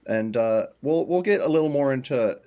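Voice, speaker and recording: A man's voice: medium pitch, lively intonation, normal speed, mellow, muffled recording. A young man hosting a casual podcast, chatty and rambling, with plenty of ums and laughs. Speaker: podcast host.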